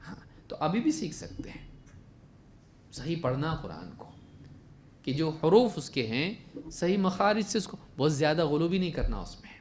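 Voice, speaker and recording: A man teaching a religious lesson as an Islamic scholar. He keeps asking rhetorical questions and answering them himself, and recites Arabic phrases slowly to contrast letter sounds. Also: fairly high pitch, sing-song, a little mellow.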